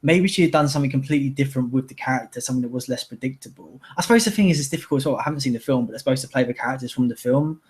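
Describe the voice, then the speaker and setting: A young man talks quickly and loosely on a live stream, piling on opinions and fillers as he goes. His pitch sits in a middle range, and his talk is casual and unscripted. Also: a little mellow. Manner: chatty, opinionated, full of fillers. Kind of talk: casual chat.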